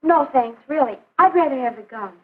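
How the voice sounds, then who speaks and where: A young woman, teen or young adult, with a high, expressive voice speaks briskly over faint music. She plays an outspoken, doubtful teenage girl with an emphatic, skeptical yet earnest manner in a 1950s educational film, captured on a narrow, phone-like soundtrack of that era.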